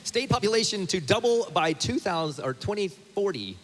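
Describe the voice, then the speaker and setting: A man's voice: high-pitched, big pitch swings, moderate pace. A man reading headlines aloud to an audience as a guest presenter. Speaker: guest reading a comic top ten list. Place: stage in a hall with an audience. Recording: noisy hall with long reverb.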